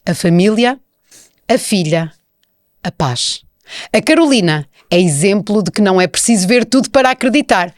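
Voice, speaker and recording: Portuguese lady hosting a podcast, measured delivery, mid pitch, dry close mic. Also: lively intonation, no room sound. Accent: European Portuguese. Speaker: podcast host. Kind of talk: scripted introduction then casual interview.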